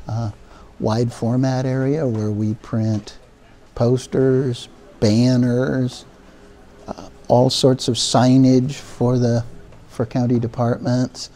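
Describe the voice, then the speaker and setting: A print shop manager guides a tour of his facility in a slow, mellow voice of medium pitch and level tone. He explains things with pauses and fillers, and the recording is rough.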